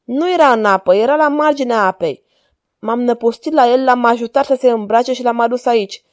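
A woman's voice: fairly high pitch, close to an everyday voice. A woman voicing a frightened man who pleads urgently for help in a storybook reading. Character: frightened, desperate male schoolmaster.

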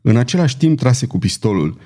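Warm-voiced male audiobook narrator. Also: medium pitch, sing-song. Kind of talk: scripted narration.

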